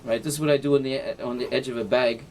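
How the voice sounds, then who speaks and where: Speaking very fast in a mid-range voice with fairly even intonation, a male rabbi explains knots one step at a time in a casual halacha class. He ties them with his hands as he goes, asks "right?" to check understanding, and slips in Hebrew and Yiddish words. A slight background noise is audible.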